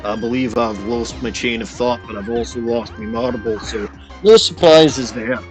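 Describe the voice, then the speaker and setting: A man streaming through a voice changer that shifts his voice deeper, rambling in a playful mock-pirate way full of "aye" and "lad". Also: moderate pace, soft background music. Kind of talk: rambling livestream commentary.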